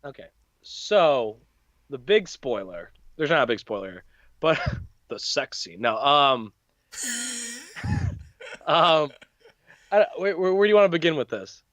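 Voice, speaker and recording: Lively, gushing man on a dry mic. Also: a little high, slow, long pauses, no room sound. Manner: enthusiastic, gushing, giggly. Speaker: podcast co-host. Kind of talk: casual movie review chat.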